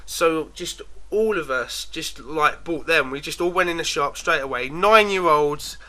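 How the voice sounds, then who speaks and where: High-voiced chatty man. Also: a little slow, pushed and bright. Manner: rambling, chatty, peppered with "man" and "like". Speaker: storyteller. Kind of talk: casual storytime chat.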